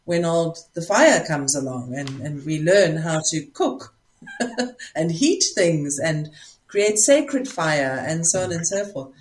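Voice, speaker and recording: A South African woman with a deep voice and lively intonation talks reflectively like a spiritual teacher in casual conversation, frequently pausing to search for words.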